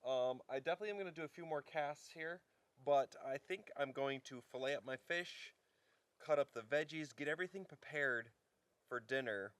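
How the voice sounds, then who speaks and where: Relaxed, chatty man camping outdoors. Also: fairly high pitch, normal speed, dry recording. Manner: relaxed and chatty, gently coaxing his dog. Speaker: outdoor vlogger. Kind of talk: casual vlog narration. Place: outdoors at a wilderness campsite.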